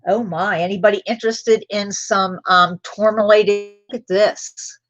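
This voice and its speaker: Slow, chatty woman hosting a live sale. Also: medium pitch, fairly even intonation, no echo, faint music behind, poor audio. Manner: chatty, drifts into personal stories between items. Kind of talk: casual live-stream selling chat.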